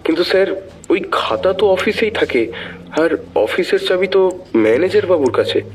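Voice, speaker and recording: An actor playing a young office worker answering a detective deferentially, calling him sir. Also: male voice, high-pitched, animated, moderate pace. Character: nervous young male office worker questioned by police.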